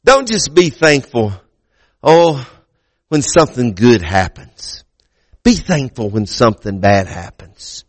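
A man's voice: medium pitch, very animated, slow, no echo. A man preaching a sermon as pastor in a church, building emphasis with repeated phrases. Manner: preaching with rising emphasis and repetitions.

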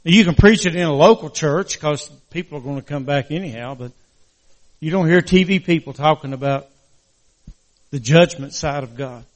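Older male preacher, West Virginia native, voice a touch high, mildly slurred from a stiff mouth, sincere and halting. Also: in a large hall. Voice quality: slightly slurred crooked-mouth articulation after mouth surgery. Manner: earnest, halting, folksy. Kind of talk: church sermon.

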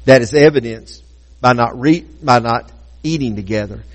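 A man preaching a communion sermon, emphatic, slowing down to repeat key phrases and adding playful asides to the congregation. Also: mid-range voice, long reverb tail, poor audio. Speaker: pastor.

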